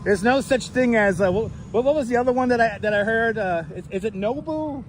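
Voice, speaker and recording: A man's voice: very high-pitched, a little fast. A man with a Brooklyn accent chatting casually as a livestream host, blunt and salty, often repeating his phrases. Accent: Brooklyn New York. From New York City. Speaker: live streamer and host. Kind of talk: casual street livestream chat. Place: outdoors on a Manhattan street. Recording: outdoor city street, clear traffic noise.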